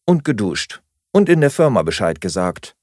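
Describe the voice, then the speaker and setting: A man voicing a flustered young woman hurriedly packing for a trip, talking fast and pleading. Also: lowish voice, big pitch swings, a little mellow, no echo, studio quality.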